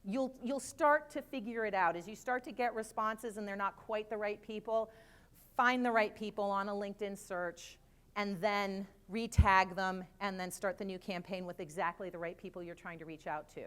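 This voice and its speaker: A middle-aged woman giving a live conference talk, lively and chatty with joking asides. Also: medium pitch, normal speed, clean tone. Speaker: conference speaker. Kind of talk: live presentation to an audience.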